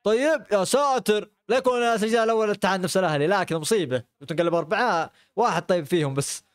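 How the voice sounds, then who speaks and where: A man's voice: sits high, fast talker, no echo, studio quality. A young man from Arabia, reacting to football clips with frequent exclamations and laughter. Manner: excitable, exclaims and laughs often. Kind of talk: live reaction commentary.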